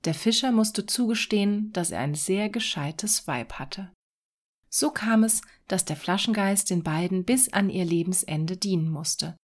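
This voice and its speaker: A woman calmly reading a fairy tale aloud, in a lilting storytelling tone. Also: medium pitch, unhurried.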